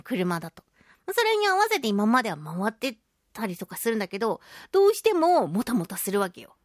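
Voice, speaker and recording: Recorded dry and at studio quality, this woman's voice sits on the high side. A radio show host and voice actress, she chats casually and tells stories with animation, performing the lines she quotes.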